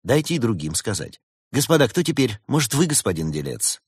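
A man voicing Ulysses, a polite, measured chairman figure in a read-aloud fairy tale. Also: medium pitch, big pitch swings, breathy edge, no room sound, clean studio sound, voice pushed up. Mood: courteous. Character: calm, courteous male chairman Ulysses.

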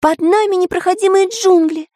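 A woman voicing Karandash, a fussy boyish pencil character, in a very high squeaky voice for a storybook reading. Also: normal speed, dry recording, clean studio sound. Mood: alarmed.

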